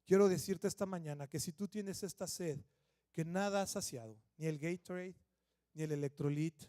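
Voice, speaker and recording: A middle-aged man preaching a sermon at a church service, conversational and lively, acting out little quotes. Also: a little high, normal speed, no room sound, studio quality. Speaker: pastor.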